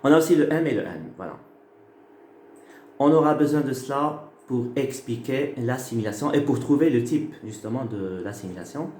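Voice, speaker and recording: Male lecturer, unhurried, repeats terms for clarity; roomy recording, faint hiss. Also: medium pitch, lively intonation, a little mellow. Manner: slow, patient, repeats key words. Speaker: teacher. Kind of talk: phonetics lecture. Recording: echoey room with faint noise.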